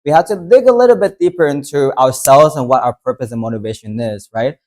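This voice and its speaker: Man, from the United States, workshop host, casual talk, filler-heavy phrasing, middle pitch. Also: a little fast, darkish tone. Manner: conversational, loose, many fillers.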